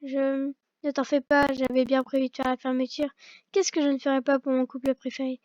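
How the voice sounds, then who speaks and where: A woman's voice: high-pitched, little pitch movement, a little fast, a little mellow, dry recording. A young woman reading dialogue from a visual novel aloud, often stumbling and restarting lines. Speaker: fan reader voicing a visual novel. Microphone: old gaming headset. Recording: dull lo-fi gaming headset mic.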